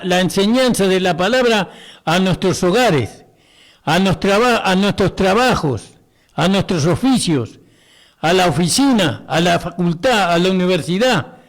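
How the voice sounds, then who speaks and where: High-voiced slow Argentine preacher. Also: male voice. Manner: slow, emphatic preaching with frequent rhetorical asides. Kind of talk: radio sermon.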